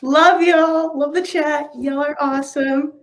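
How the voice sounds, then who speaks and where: A woman co-host with a fairly high voice talks at an unhurried pace on a casual live stream. She swears freely, says y'all and often laughs along. Her tone is loose and chatty. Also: steady tone. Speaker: podcast co-host.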